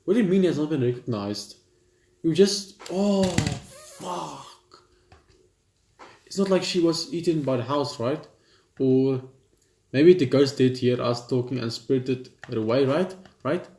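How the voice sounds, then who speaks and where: In a somewhat slow, slightly mellow medium-pitched voice, a young adult let's player reads visual novel text aloud, tripping over lines and reacting casually. The home room recording has an echoey feel and clear background noise.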